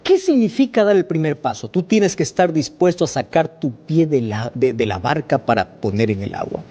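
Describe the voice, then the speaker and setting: A man preaching a sermon as a pastor, pleading with rising intensity and then praying in a hushed voice. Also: sing-song, moderate pace, dull audio. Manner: impassioned, rising high when pleading, hushed in prayer. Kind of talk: sermon with closing prayer.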